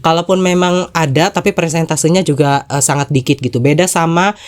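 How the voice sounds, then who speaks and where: A host with a Jakarta Indonesian accent and a congested nasal voice from a cold, giving chatty, sassy commentary with dramatic asides, of mid-range pitch between a man's and a woman's. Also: steady tone, brisk. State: has a cold. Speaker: host of a YouTube commentary channel. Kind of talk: casual spoken commentary to viewers.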